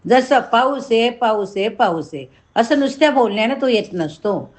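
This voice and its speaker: A woman voicing a calm young male ascetic. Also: fairly high pitch, moderate pace, lightly acted. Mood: preaching. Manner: gently teasing, then preaching in an earnest tone.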